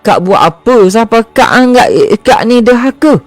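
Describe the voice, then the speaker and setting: Seorang lelaki meniru suara seorang isteri separuh umur yang sebak dan pahit terhadap suaminya, beloghat Melayu Malaysia. Suaranya tinggi, merayu dan tersedu-sedu, dengan nada yang naik turun dengan ketara. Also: male voice, animated, unhurried, dry recording, soft background music. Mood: agitated. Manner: pleading, tearful high-pitched voice. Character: tearful middle-aged wife, bitter toward her husband.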